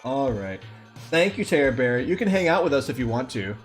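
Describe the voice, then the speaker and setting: A male livestream host chats casually and affectionately with his viewers, cooing as if to a pet. His medium-pitched voice is sing-song and a little fast, with faint music in the background.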